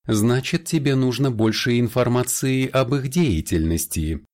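A man's voice: medium pitch, a little slow, darkish tone, pitched above the performer's own voice, close to an everyday voice. A man voicing a sly, smirking male vampire elder who speaks in a raised, confiding voice in an audiobook. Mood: smug confiding.

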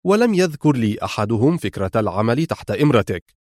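Audiobook: male narrator playing a calm, resolute young officer with a lively, expressive read. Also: mid-range voice, fairly quick, dry recording, studio quality, natural voice. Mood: firm. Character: cool, firm, clever young male army lieutenant.

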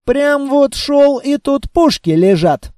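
A man voicing a gruff, hostile army sergeant who barks his questions in an audiobook reading. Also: very high voice, animated, slow pace, warm tone, no room sound, clean studio sound, voice pushed up, heavily acted. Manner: growling, barking, interrogating.

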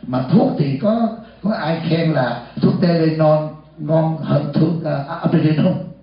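Senior monk preaching to a live audience; raised pitch, big hall echo, muffled recording. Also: male voice, takes it slowly. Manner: lively, asks the audience questions and acts out short dialogues. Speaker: senior monk giving a dharma talk. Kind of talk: sermon. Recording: echoey hall, dull lo-fi sound.

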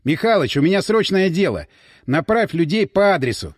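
Brief: man playing brusque cop, clipped and demanding, fairly high voice, dry read. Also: sing-song, normal speed, dry recording. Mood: urgent. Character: tough male police detective, pushy and urgent. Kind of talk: audiobook character voice.

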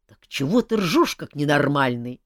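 A woman voicing an irritable, grumpy adult king who scolds gruffly. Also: sits low, sing-song, normal speed, dry recording, studio quality. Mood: grumbling.

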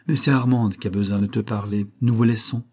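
A man's voice: on the low side, steady tone, brisk, vocal fry, dark tone. A man reading as a jovial old grandfather doctor. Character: jovial elderly grandfather doctor, head of the family.

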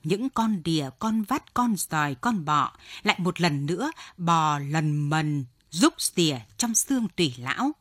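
A woman reading a story aloud in an expressive, dramatic narration. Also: deep voice, a little slow, hardly any pauses, no room sound, clean studio sound. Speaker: audiobook reader.

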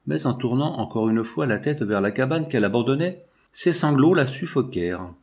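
A man reading a classic novel aloud in measured literary narration. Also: mid-range voice, lively intonation, darkish tone.

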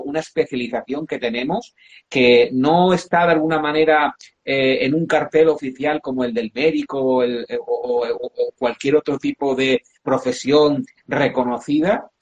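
Man, husky voice, interviewer, hesitant and halting questions. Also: medium pitch, dull audio. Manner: hesitant, many fillers while framing questions.

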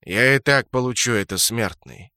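A man voicing a calm, menacing male dark elf god who speaks slowly and coldly. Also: mid-range voice, dry recording, lightly acted. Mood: cold, commanding. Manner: slow, cold and commanding.

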